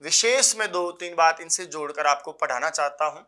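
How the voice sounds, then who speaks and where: A male Sanskrit teacher gives an exam-prep grammar lecture in a bright, fairly high voice. He repeats phrases slowly and answers his own questions, and he slips in homely jokes for his students. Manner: folksy jokes, addresses students as sir.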